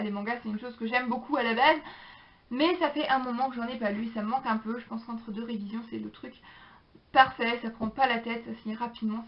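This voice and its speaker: A young woman with a fairly high voice chats casually to her camera, hesitating often and filling the gaps with little pauses. The recording sounds a bit dull and lo-fi. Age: young adult. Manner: chatty, hesitant, many fillers. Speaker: book vlogger. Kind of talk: casual chat.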